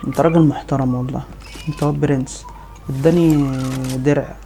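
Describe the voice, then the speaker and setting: A man with an Egyptian Arabic accent giving excited live commentary over his own gameplay, piling up quick repeated exclamations. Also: fairly high pitch, a crowd in the background. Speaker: gaming video host.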